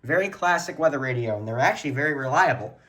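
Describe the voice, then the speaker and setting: At home in his room, a man hosts a relaxed show-and-tell of his weather radios, sounding like an eager, earnest hobbyist. He talks fast in a mid-range, slightly bright voice with lively intonation.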